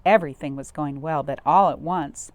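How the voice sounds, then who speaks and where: A woman with a deep voice reads a picture book aloud to young children at a normal speed, expressively, with dramatic gasps and questions for her listeners. As storytime reader, she is heard with no echo.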